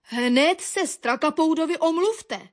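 A woman voicing a stern, gruff old male dog who questions the birds. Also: high-pitched, animated, a bit bright.

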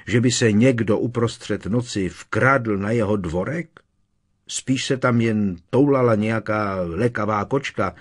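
A man's voice: on the low side, husky. A man reading an audiobook, voicing an anxious middle-aged wizard official who talks urgently and insists. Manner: urgent, pleading. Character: worried male wizard official, talking head in a fire.

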